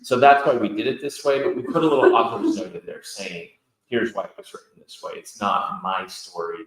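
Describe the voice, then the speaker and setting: A man's voice: on the low side, animated, a little fast, crowd noise. A man co-author speaking casually on a panel, rambling with restarts and asides. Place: indoor event room. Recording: echoey room.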